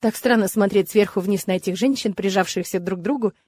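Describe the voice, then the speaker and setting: A young woman reading a first-person fantasy story aloud in a lively, wry way. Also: medium pitch, fairly quick, no echo, studio quality. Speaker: audiobook narrator.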